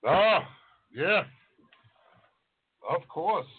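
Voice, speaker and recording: A man's voice: high voice, lively intonation, extremely slow, slightly rough. Man in his forties on a tinny line. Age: 40s. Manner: rambling, joking, self-deprecating. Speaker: chef. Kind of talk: casual podcast chat.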